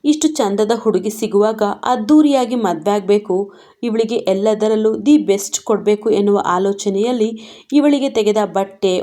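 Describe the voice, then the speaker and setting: A woman voicing a jealous, scheming young man who bitterly confesses his obsession, in a mellow tone. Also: mid-range voice, close to an everyday voice.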